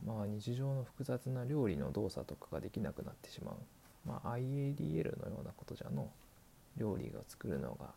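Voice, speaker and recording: A man's voice: on the low side, gravelly, dark tone, slight background noise. A man voicing an elderly male doctor who patiently explains, dragging out his old-fashioned sentence endings. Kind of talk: scripted explainer dialogue.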